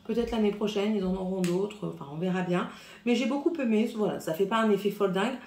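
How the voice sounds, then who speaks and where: French woman rambling about lipsticks and glosses, bit husky, lots of ums, roomy echo. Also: mid-range voice, fast talker, darkish tone. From France. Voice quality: says her voice is rough and husky today. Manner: chatty, hesitant, many fillers, shows products. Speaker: beauty vlogger. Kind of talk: casual makeup review to camera. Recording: echoey room.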